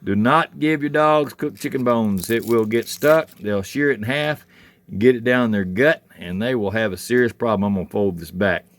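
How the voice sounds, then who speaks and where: At an outdoor cook shack, a man hosts a casual cooking vlog, filming himself on a handheld camera. A home cook and channel host, he speaks at a medium pitch and normal speed, chatting in a folksy way and thinking aloud as he works.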